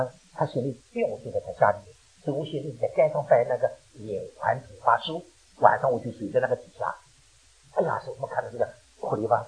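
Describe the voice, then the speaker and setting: An older male preacher with a very husky, worn voice gives a sermon. He talks fast, and his pitch leaps high and drops low as he moves from emphatic questions to hushed storytelling. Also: poor audio. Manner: animated, rising to loud emphatic questions then dropping low. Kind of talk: sermon with personal testimony.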